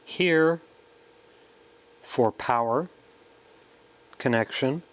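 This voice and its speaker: A man of medium pitch talks extremely slowly while hosting a casual electronics kit build tutorial. As he works, he plainly explains what he's doing, one step at a time.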